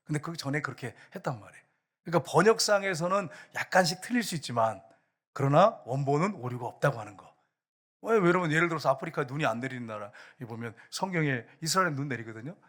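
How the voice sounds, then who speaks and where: A man preaching a sermon in a fairly high voice. He keeps turning to the congregation, stressing his points with emphatic rises. The tone is that of a pastor in full flow. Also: a bit bright.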